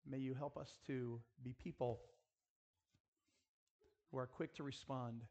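A man's mid-range, slightly mellow voice holds a steady tone and a measured pace. His sermon, in an earnest school chapel style, exhorts his listeners directly and includes rhetorical questions and prayer.

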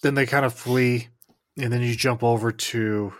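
Brief: male co-host, mid-pitch, easygoing recap delivery, casual swearing. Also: normal speed, no room sound, studio quality. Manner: recaps plot in plain steady summary. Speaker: podcast co-host. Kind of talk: casual chat.

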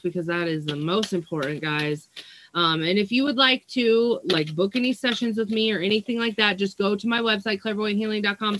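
A woman's voice: fairly low pitch, a bit bright, slight background noise. A woman healer giving a casual oracle card reading to her viewers, blunt and profane, yawning and sighing, stumbling over words as she reads the card text. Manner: blunt and profane, with frequent yawns and sighs.

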